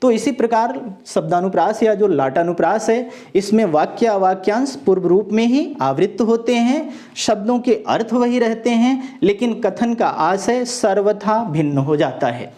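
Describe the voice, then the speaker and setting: A man teaching Hindi grammar in an exam-prep lecture, explaining slowly and repeating each point, reciting verse lines with careful stress. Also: high voice, mellow.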